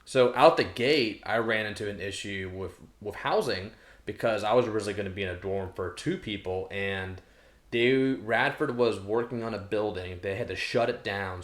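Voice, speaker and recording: Man in his thirties, lowish voice, casual rambling chat, echoey room. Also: moderate pace. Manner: rambling, full of restarts and fillers. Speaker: podcast co-host. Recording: roomy echo.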